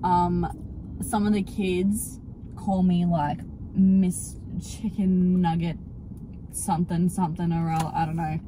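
A woman's voice: on the low side, little pitch movement, slow, noisy background. A young woman with an Australian accent co-hosting a casual chat, teasing her friend playfully and reading out the questions. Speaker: teacher and co-host.

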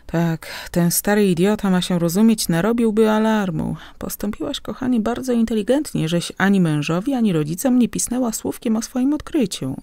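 A sly, worldly middle-aged uncle, read by a woman who talks down to his niece in smooth, patronizing tones. The voice is mellow and dark-toned, set in a dry, close audiobook recording. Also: medium pitch, lively intonation, moderate pace, hardly any pauses, no echo, pitched above the performer's own voice. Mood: conspiratorial. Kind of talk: audiobook character reading.

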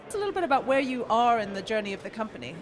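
A woman's voice: a little high, very animated, racing. A middle-aged woman interviewing a founder at a conference, friendly and conversational, on a handheld mic. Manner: friendly, conversational, hesitant fillers. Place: busy conference hall, indoors. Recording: crowd chatter behind.

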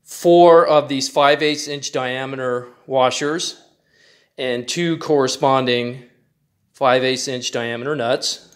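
A man hosting a DIY channel, calmly walking through a step-by-step build tutorial with measurements, in a plain, methodical way. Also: medium pitch, takes it slowly.

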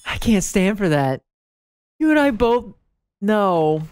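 A woman's voice: mid-range voice, big pitch swings, takes it slowly, darkish tone, clean tone, dry recording. A woman giving casual, emotional commentary as she opens game pulls. She talks to her viewers, pleads with the game and swears freely. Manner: emotional and talkative, begs the game and addresses viewers. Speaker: mobile game player opening pulls. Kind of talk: casual live gaming commentary.

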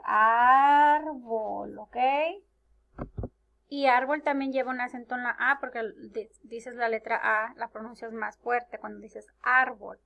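Slow, bright-voiced preschool teacher. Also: female voice, sits high, lo-fi sound. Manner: drawn-out words, syllables clapped and repeated; asks "ok?" after each step. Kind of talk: slow, patient lesson for young children.

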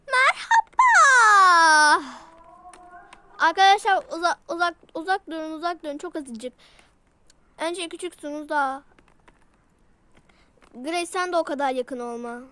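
Bright high-voiced woman voicing toy pets. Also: moderate pace, pauses often. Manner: switches between playful character voices. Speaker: toy video creator. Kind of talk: toy role-play voicing many pets.

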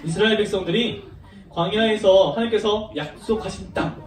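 A woman giving a lively sermon to young children, asking them questions and acting out the story. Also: mid-range voice, normal speed. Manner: animated, questions children, acts out voices. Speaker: children's Sunday school preacher. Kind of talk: children's sermon with call and response. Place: large church hall. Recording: roomy echo, distant mic.

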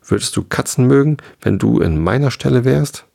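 A man voicing an angry little female mouse with a shrill, shrieking voice in a storybook reading. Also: moderate pace, gravelly, darkish tone, breathy edge, full character voice. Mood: indignant.

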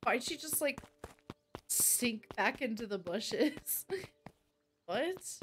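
A woman's voice: a little high, lively intonation, drawn-out words, a little hiss or hum. A woman streaming a game live, chatting and reacting aloud as she plays and reads lines. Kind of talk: live gameplay commentary.

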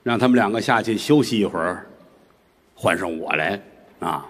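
A man's voice: fairly low pitch, expressive, moderate pace, a bit bright. A male comedian telling a story solo and bantering with the audience on a live stage.

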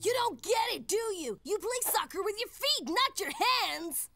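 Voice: very high voice, very animated, unhurried, over music, full character voice. An actor voicing a brash, bossy young cartoon child with an emphatic, theatrical delivery. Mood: indignant, bossy.

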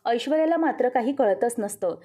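Warm woman narrating a serial recap. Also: fairly high pitch, lively intonation, a little fast. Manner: vivid, emotive retelling addressing friends. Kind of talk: dramatic storytelling recap.

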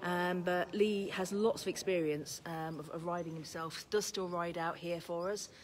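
A middle-aged woman hosting a tour and interviewing students, friendly and encouraging, backing them up with quick yeahs. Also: fairly low pitch, fairly even intonation, slight background noise. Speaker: college staff host and interviewer. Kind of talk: casual interview on a guided tour.

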